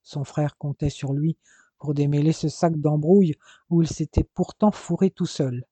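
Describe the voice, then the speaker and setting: A man narrating a novel aloud in a steady, dramatic reading. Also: on the high side, normal speed, breathy edge, no room sound.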